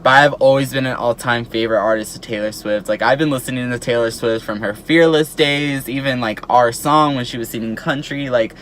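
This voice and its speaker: Talking to camera for his followers, this eighteen-year-old YouTuber keeps up a chatty vlog stuffed with "like" and "um." He speaks fairly quickly with hardly any pauses, his ordinary mid-pitched voice fairly bright, while a faint background hum runs underneath.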